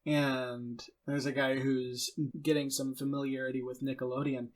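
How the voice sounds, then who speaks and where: A man hosts a podcast and interviews a guest. His talk is loose and conversational and tends to ramble. His voice sits at a middle pitch. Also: little pitch movement, normal speed. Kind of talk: casual interview chat.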